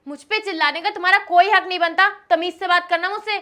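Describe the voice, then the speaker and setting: An actress playing a quick-tempered young woman arguing with her live-in partner, sharp and scolding. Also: very high-pitched, steady tone. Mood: angry. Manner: sharp, scolding, turns to pleading. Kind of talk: scripted short-film acting.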